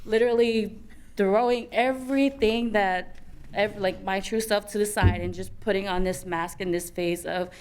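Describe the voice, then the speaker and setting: A woman's voice: medium pitch, steady tone, moderate pace, a little mellow, clear, resonant tone. A young woman from American Samoa, speaking on a youth panel, telling her personal story candidly with many fillers and restarts.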